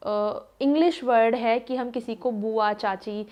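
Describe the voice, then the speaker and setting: A woman in her thirties tells a personal story in a relaxed, conversational way. Her voice sits a little high, and she leans on fillers. She acts out what others said. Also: measured pace, highs cut off. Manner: chatty, lots of fillers, acts out quoted voices. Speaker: vlogger. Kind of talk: casual storytelling monologue.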